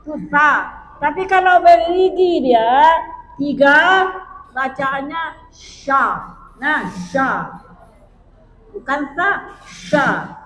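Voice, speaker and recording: High-pitched woman teaching recitation slowly. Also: animated, fairly bright tone, roomy sound, big-room sound, a little hiss or hum, low-quality recording. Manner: corrects mistakes patiently, addresses listeners as "Bu". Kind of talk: tajwid lesson with sung recitation.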